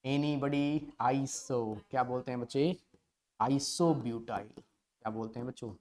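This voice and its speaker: A man's voice: medium pitch, a little slow, darkish tone. Man teaching chemistry, call-and-response. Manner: asks students questions and answers them himself; playful, coaxing call-and-response. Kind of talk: online class lecture.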